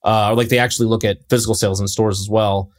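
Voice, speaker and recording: A man's voice: on the low side, little pitch movement, quick pace. A young man co-hosting a podcast, talking loosely with lots of fillers in casual chat. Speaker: podcast co-host.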